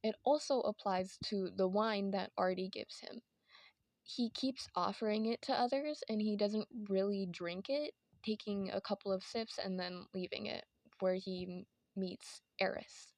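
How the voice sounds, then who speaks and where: A woman's voice: medium pitch, measured pace, creaky, darkish tone, no room sound. A woman with a lisp and whistling s, narrating an informal, partly scripted video essay into a headphone mic. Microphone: headset microphone from headphones.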